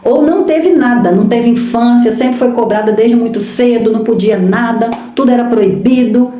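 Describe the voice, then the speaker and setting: A woman's voice: on the high side, normal speed, mellow. Brazilian woman, women's ministry speaker; emphatic sermon delivery, rhetorical questions, roomy echo. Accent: Brazilian Portuguese. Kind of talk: sermon on marriage and parenting. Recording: echoey room.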